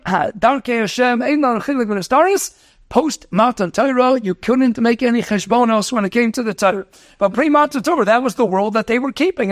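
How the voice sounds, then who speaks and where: A rabbi with a very high-pitched male voice teaches a Torah class, speaking quickly and sprinkling in Hebrew and Yiddish terms. He poses rhetorical questions and tells stories, captured in a dry, clean studio recording.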